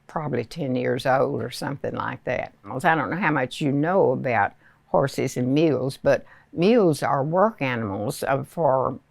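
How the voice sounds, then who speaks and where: A very old woman in her nineties with a Southern US accent, reminiscing in a hesitant, unhurried storytelling way with many pauses. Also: a bass voice, lively intonation, creaky, dry recording. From rural Arkansas, United States. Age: 90s, very old. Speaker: elderly interviewee recalling childhood. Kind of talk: reminiscing oral history.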